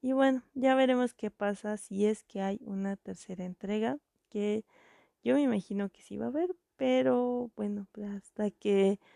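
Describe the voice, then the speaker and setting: A woman with a Mexican accent, giving an animated, indignant casual monologue as a podcast host, with lots of fillers. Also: mid-range voice, normal speed, creaky, dry recording, studio quality. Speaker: podcast host reviewing a film.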